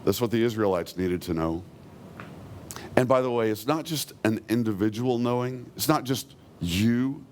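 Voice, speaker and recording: A man preaching a sermon, earnestly, slowing down and softening when he quotes God's words. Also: mid-range voice, a little hiss or hum. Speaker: pastor.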